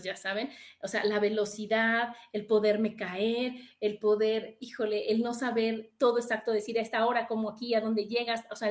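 Woman, Mexican accent, high voice, podcast host, lively casual talk, acts out quotes. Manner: animated, acts out quoted voices, frequent tag questions. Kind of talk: casual chat.

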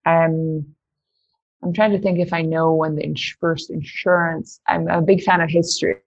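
A Dutch company founder answers interview questions, thinking out loud with lots of "like"s and restarts in a thoughtful way. Her deep voice holds a steady tone at normal speed, with vocal fry, and the recording sounds muffled.

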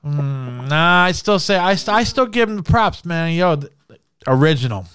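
A man's voice: fairly high pitch, expressive, moderate pace, fairly bright tone, smooth, dry recording, clean studio sound. A man co-hosting a podcast in casual banter, laid-back and swearing, calling everyone bro and man. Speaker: podcast co-host.

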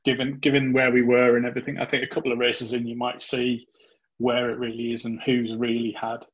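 Casting: male podcast host, husky edge, casual and hesitant, muffled recording. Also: mid-range voice, completely flat delivery, a little fast. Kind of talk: casual interview chat.

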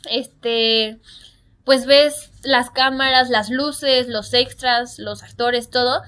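A woman's voice: on the high side, takes it slowly, smooth. A teenage girl, a young actress and singer chatting as a guest, acting out the voices she quotes. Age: teens. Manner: animated, acts out quoted voices. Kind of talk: casual interview chat.

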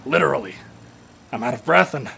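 A man's voice: medium pitch, animated, a little fast, pushed and bright, heavily acted. A man playing a nervous, urgent investigator who is wary of his partner. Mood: uneasy. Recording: gravelly with noisy background.

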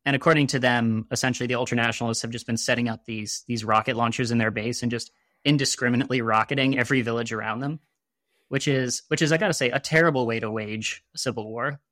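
Male podcast co-host, mid-pitched, casual and wry, meandering delivery, dry close sound. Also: steady tone, fast, a bit bright, no room sound. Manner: rambling, heavy on "you know" and "like"; wry, sarcastic asides. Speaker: podcast co-host discussing a video game.

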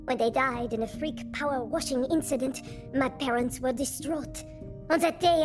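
High-voiced, melodramatically stoic lady flea. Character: melodramatic stoic female flea performer, secretly overemotional. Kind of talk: comedy sketch acting.

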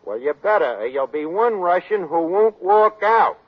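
A brash wisecracking tavern manager. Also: male voice, sits high, expressive, moderate pace, phone-quality sound, heavy background noise. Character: fast-talking scheming male tavern manager. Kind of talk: 1940s radio comedy acting. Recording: old radio broadcast with audience.

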